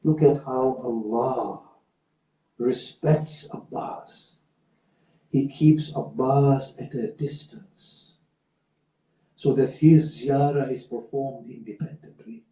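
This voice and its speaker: A man giving a sermon, speaking in a measured, slow and emphatic way and telling a story. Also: medium pitch, warm tone. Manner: measured, slow emphatic delivery with rising passion in quotes. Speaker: religious speaker. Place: community centre hall. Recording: roomy hall from far off.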